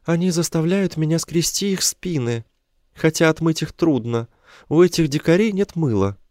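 A man's voice: on the high side, expressive, moderate pace, warm tone, dry recording, studio quality, pitched above the performer's own voice, natural voice. A man voicing a young, emotional and talkative woman held captive, in an audiobook. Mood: complaining. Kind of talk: audiobook character voice.

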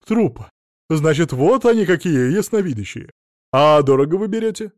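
A man reading an audiobook voices an excitable, naive blonde woman who gushes with eager, childish questions. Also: low-pitched, moderate pace, dry recording, studio quality, pitched above the performer's own voice.

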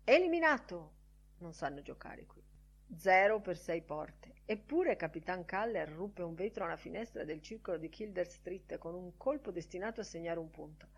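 A woman reading a literary audiobook aloud in a musing, expressive way. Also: fairly low pitch, moderate pace, husky, lo-fi sound. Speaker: audiobook reader.

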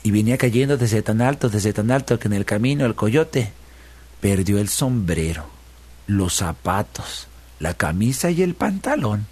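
A man telling a folk tale in a lively, playful way, building rhythm through repetition. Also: on the low side, unhurried, slightly rough. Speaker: storyteller. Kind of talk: animated folk-tale storytelling.

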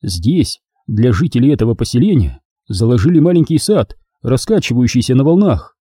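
A man narrating an audiobook in an even storytelling manner. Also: medium pitch, moderate pace, breathy edge, no room sound, clean studio sound.

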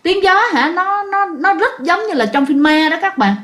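A woman's voice: very high voice, lively intonation, normal speed, fairly bright tone. A woman telling a ghost story in a casual, chatty way, talking straight to her listeners. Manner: chatty, addresses listeners directly, acts out quotes.

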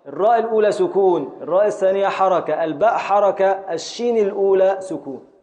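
A man's voice: high-pitched, fast talker, darkish tone. A man with an Egyptian Arabic accent teaching a classroom lesson, quizzing students and scanning verse syllable by syllable. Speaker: Islamic scholar teaching Arabic grammar and prosody.

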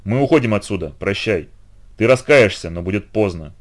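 A man voicing a wise, gentle old male centaur in an audiobook, speaking quietly and gravely. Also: lowish voice, expressive, fairly quick, close to an everyday voice. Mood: grave sorrow.

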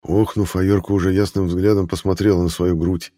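A man narrating a fantasy audiobook in a steady, measured way. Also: sits low.

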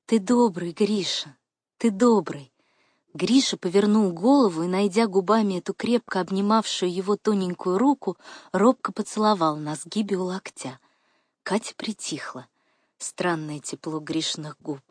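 A woman narrating an audiobook in an expressive, intimate way. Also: lowish voice, moderate pace, dry recording, clean studio sound.

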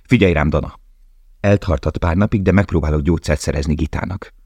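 A desperate young male prisoner gives urgent, commanding instructions, as a man reading a novel plays him. The voice is very deep. The sound is close and dry. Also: a little mellow, husky, dry recording.

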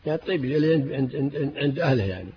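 On a dull, faintly hissing old tape, an elderly sheikh comments during a hadith reading, replying briefly and circling back over words as he gropes for them. He speaks very fast at a medium pitch, with plenty of animation.

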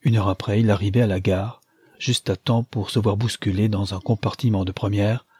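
Man, audiobook narration, steady measured reading, low husky voice. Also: no echo, studio quality. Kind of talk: scripted narration of a novel.

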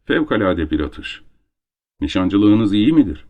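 A man voicing a middle-aged nobleman count, a former duelist, in a measured, somber tone. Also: fairly low pitch, very animated, dark tone. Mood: surprised.

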